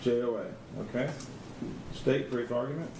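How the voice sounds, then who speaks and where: A man presiding as judge, giving brisk procedural rulings, heard in a courtroom recording. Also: medium pitch. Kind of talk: presiding over a trial. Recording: distant echoey courtroom audio with loud room noise.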